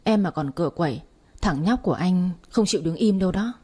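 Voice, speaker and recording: A woman's voice: lowish voice, expressive, a little fast, warm tone, husky. Woman playing a cocky, protective gang boss. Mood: teasing. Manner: teasing, bossy tenderness.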